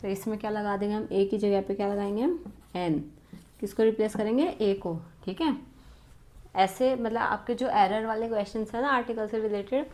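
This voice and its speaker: A woman's voice: mid-range voice, a little mellow. Woman teaching grammar with rhetorical questions. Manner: frequent rhetorical questions to students; reads example sentences very slowly. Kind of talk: exam-prep grammar lesson.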